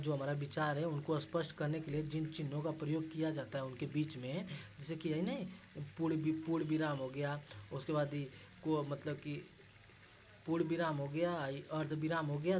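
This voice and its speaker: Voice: mid-range voice, darkish tone, poor audio. Teacher going over exam questions, keeps asking "what is it?" then answering, says guys a lot, bit of faint noise behind. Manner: asks questions and answers them, repeats key terms; addresses the listeners as guys. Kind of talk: exam-prep lesson, reading questions and explaining.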